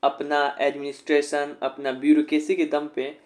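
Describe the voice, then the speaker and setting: A man's voice: fairly high pitch, completely flat delivery, moderate pace, darkish tone. Male tutor quizzing a student. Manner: repetitive, quizzing the student, mixing in English phrases. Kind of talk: informal one-on-one history lesson.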